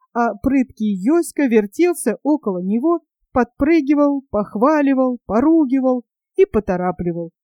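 A woman reading a children's story aloud as an audiobook, expressive and measured. Her voice sits a bit high and sounds mellow, with a dry, close recording. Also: no room sound. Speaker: narrator.

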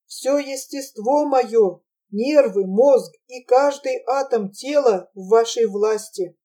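A woman's voice: on the high side, slow pace, mellow. A woman voicing a gloomy, ruined man who speaks in a dull, hollow voice and sounds despairing. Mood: solemn.

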